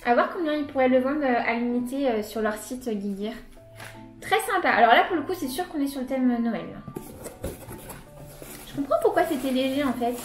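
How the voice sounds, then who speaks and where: A woman's voice: high voice, brisk. A woman unboxing items in a casual, chatty, enthusiastic way, with many fillers. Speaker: unboxing vlogger. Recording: echoey room with light music.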